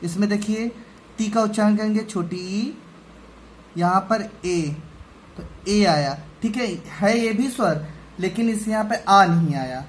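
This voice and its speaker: A man teaching a grammar lesson to school students, patient and step by step, often pausing to check that they follow. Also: high-pitched, slight background noise.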